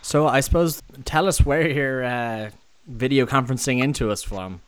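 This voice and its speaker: A man's voice: medium pitch, moderate pace, clean tone. A man with an Irish accent presenting and interviewing as a podcast host.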